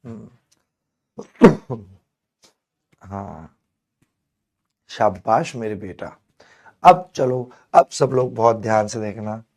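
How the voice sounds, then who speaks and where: Man, hoarse voice, chemistry teacher, unhurried delivery, playful, coaxing. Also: on the low side, animated, a little mellow. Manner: playful, coaxing, affectionate with students. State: hoarse, strained throat. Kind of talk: live online exam-prep class.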